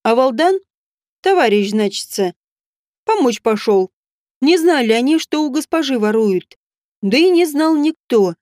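Brief: fearless old village grandmother in an audiobook, read by a woman, unhurried, plain country speech. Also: high-pitched, expressive, a little mellow, no room sound, studio quality. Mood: matter-of-fact. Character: outspoken old village granny.

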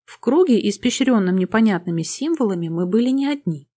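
Woman, audiobook narrator, fantasy story, playful, expressive. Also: medium pitch, a little fast.

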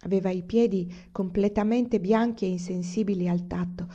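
A woman reading a novel aloud as an audiobook narrator, in an even storytelling manner. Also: mid-range voice, normal speed. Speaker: audiobook reader. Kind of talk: scripted narration. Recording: dull lo-fi recording.

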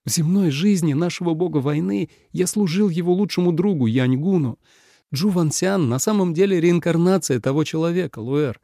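A man voicing a calm, firm young man in an audiobook, speaking in a measured, cool and resolute manner. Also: fairly high pitch, no echo, clean studio sound, voice pushed up. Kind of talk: audiobook character voice.

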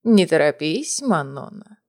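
A woman voicing a cruel, imperious old witch matriarch in a storybook reading, speaking slowly and low. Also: very animated, darkish tone. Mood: cold, commanding.

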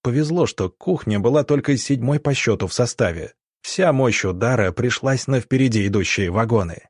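A man narrating an audiobook with a dramatic, measured delivery. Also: medium pitch, expressive, breathy edge, dry recording, clean studio sound.

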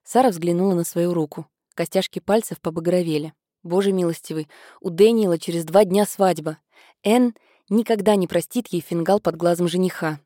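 A woman narrating an audiobook in a measured, steady reading voice. Her tone is low and mellow. The recording is dry and close. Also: no echo. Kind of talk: scripted narration.

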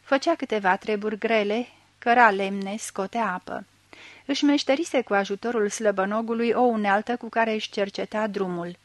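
A woman narrating a literary story in a measured, expressive reading voice. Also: mid-range voice, no room sound. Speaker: audiobook reader.

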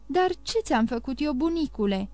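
A woman's voice: sits high, lively intonation, darkish tone, no room sound. A woman reading an audiobook voices a loving young granddaughter who questions her grandfather in a pleading, affectionate way. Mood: anxious.

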